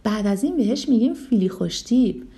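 A woman's voice: on the high side, lively intonation, warm tone. A woman voicing a big, boastful bully boy elephant in a children's storybook, speaking in a taunting, cocky way.

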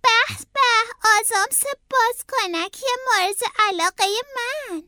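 A high, squeaky little bunny boy from a children's storybook, eager and gushing about every treat he sees, voiced by a woman reading aloud. His voice leaps around with excitement and greed. It sits in a dry, close sound. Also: dry recording, heavily acted. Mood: excited.

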